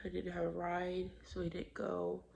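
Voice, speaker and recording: Creaky-voiced, tearful, upset woman vlogging. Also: on the low side, monotone, normal speed, a little mellow. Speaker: vlogger, mother. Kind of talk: emotional vlog confession to camera.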